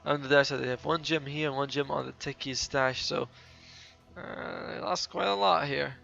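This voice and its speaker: A man's voice: fairly high pitch, fairly even intonation, moderate pace, vocal fry, sharp tone, lo-fi sound. A tired, yawning man giving casual, chatty play-by-play commentary on a game replay, often correcting himself mid-sentence.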